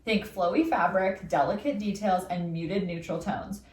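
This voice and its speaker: A woman's voice: on the low side, normal speed, darkish tone. A young woman co-hosting a podcast, chatting casually, full of "like" fillers and reading quiz results aloud. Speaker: podcast co-host. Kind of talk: casual chat. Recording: roomy sound, distant from the mic.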